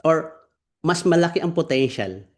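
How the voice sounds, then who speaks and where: Animated man leading an online training. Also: fairly high pitch, moderate pace. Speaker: online business mentor. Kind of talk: live online training session.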